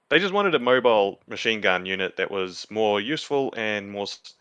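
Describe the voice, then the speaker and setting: A man with a fairly low, crisp voice explains things informally as a podcast presenter. The sound is dry, with a forward, bright edge. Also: no echo. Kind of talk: casual explanatory chat.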